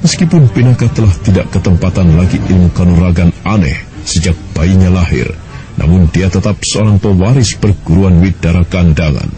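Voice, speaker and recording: Deep, mellow radio drama narrator. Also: male voice, faint music behind. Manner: calm, measured storytelling.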